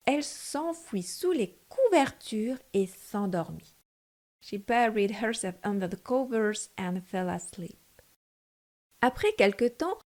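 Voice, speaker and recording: A woman narrating a children's storybook in two languages, reading slowly and deliberately. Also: on the high side, darkish tone. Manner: slow, deliberate, clear reading.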